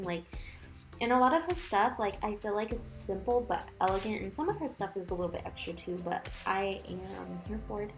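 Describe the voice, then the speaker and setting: A woman with a lisp that slurs her s sounds, talking in a casual, rambling way as she narrates a nail tutorial. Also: mid-range voice. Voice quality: lisp with slushy s sounds from new dental work. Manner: chatty, rambling, informal. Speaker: nail art video creator. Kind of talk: casual chatty tutorial voice-over. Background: music.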